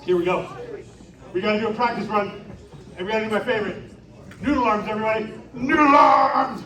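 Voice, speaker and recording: Animated man leading a live crowd. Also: high-pitched, quick pace. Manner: animated, coaxing crowd call-and-response. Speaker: children's show performer. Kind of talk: live interactive stage show. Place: outdoor winter carnival stage. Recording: echoey, distant live recording with crowd.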